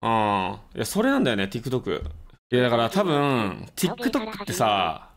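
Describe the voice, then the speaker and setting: A man's voice: medium pitch, wildly swooping pitch, measured pace, a crowd in the background. A man live-streaming, rambling and joking in casual chat with his viewers. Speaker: game streamer. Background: background music.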